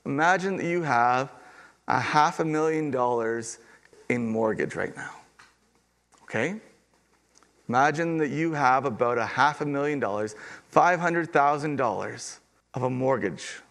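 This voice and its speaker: A man preaching a sermon, telling a parable in a conversational, animated way and acting out the quotes. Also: medium pitch, a little slow, long pauses. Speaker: pastor.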